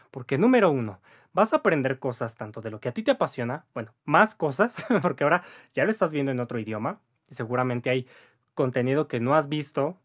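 With a mid-range voice and a Mexican Spanish accent, a young English teacher in his twenties chats his way through an informal on-camera lesson. Upbeat throughout, he leans on quick tag questions such as "¿vale?" and "¿va?" The setting is a room with patterned wallpaper.

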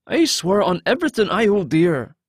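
In an audiobook, a man performs a full character voice pitched above his own, playing a frightened, remorseful male deserter who is earnest and pleading. The voice sits high and husky with huge pitch swings at normal speed, captured in clean, dry studio sound.

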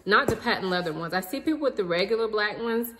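With a quick pace and a mid-range voice, a woman in her thirties chats to her viewers, whom she calls "y'all," about things she bought. She sits at home in the living room for this relaxed haul vlog, and the recording has a big-room sound with a little hiss or hum.

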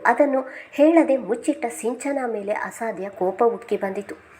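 A woman's voice: medium pitch, a little mellow. A woman reading a family novel aloud as a storyteller, voicing every character's lines herself. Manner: reads every character's lines herself, lifting her voice on anxious questions. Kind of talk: scripted narration of a family novel.

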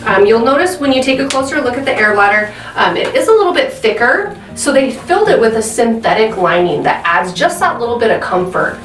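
A woman in her thirties giving a casual product review, chatty and filling pauses with "um". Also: a little high, sing-song, fairly bright tone, faint music behind. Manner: chatty, frequent "um" fillers. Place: indoor room at a desk. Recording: roomy and slightly distant.

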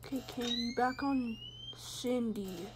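A woman with a high voice doing let's-play commentary on a horror game, speaking slowly and unhurried. She jokes and rambles, sometimes dropping to a whisper, with faint noise in the background. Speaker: gamer.

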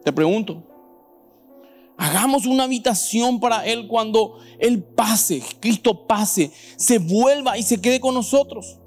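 High-voiced Paraguayan pastor preaching. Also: male voice. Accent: Paraguayan Spanish. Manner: animated, questioning the congregation directly. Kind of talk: sermon. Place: church service.

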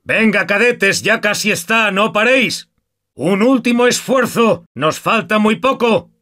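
A man voicing a gruff, sardonic older war veteran in a video game, swearing often. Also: mid-range voice, very animated, takes it slowly, fairly bright tone, exaggerated voice. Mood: urging. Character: gruff old male war veteran survivor. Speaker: game character.

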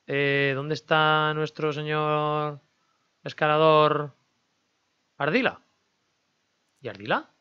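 Male gaming host, chatty self-talk over gameplay, crisp slightly dull mic. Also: fairly high pitch, slow pace, long pauses. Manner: chatty, talks to himself and viewers while negotiating. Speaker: gaming YouTuber. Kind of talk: casual game commentary.

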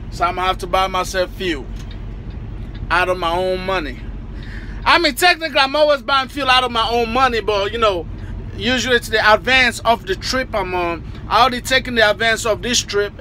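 A young man vlogs casually from the cab of his parked truck, holding a phone camera at arm's length and speaking loosely and with slang straight to his viewers. His voice sits high with a sharp tone, and there is slight background noise.

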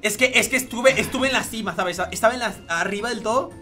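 A man with a Spain Spanish accent, live-streaming an online game, chatting excitably and thanking donors. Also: high-pitched, fast talker. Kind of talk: live gaming stream chat. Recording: game music playing behind voice. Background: game music.

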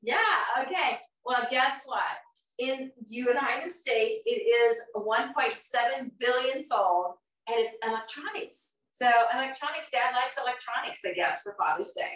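A woman's voice: fairly high pitch, a little slow, fairly bright tone. A woman in her fifties hosting a live cooking show from her home kitchen, chatty and encouraging. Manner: chatty, encouraging, laughs often. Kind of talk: upbeat live-stream chat. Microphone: far camera. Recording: roomy kitchen sound from far off.

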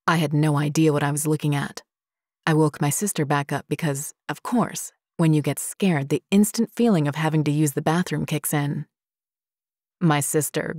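A woman reading scary stories aloud as a narrator, in a slow, steady storytelling delivery. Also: low voice, dry recording, clean studio sound.

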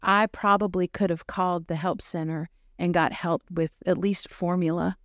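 Middle-aged woman, pregnancy center director, slightly low voice, dry close sound, lively storyteller. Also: normal speed, no echo. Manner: chatty, animated storyteller. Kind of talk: casual chat.

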